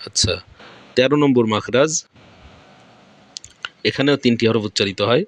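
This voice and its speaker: A male Quran teacher with a Bangladeshi Bengali accent explains pronunciation points slowly and repeats each one. His voice sits in an ordinary middle pitch. It is recorded close up, dry and without room sound. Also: dry recording. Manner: patient, repeats each point and quizzes himself. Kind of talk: step-by-step pronunciation lesson.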